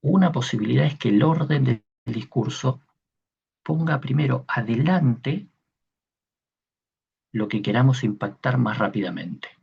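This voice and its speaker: Gravelly, husky male teacher, slow delivery. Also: medium pitch, lively intonation. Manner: patient explaining, frequent checking questions. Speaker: teacher of Koine Greek. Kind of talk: online class lecture. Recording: dull lo-fi sound.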